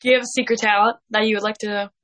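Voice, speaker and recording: A woman's voice: medium pitch, flat delivery, racing, fairly bright tone. Giggly, teasing young woman. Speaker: co-host. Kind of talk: casual podcast chat.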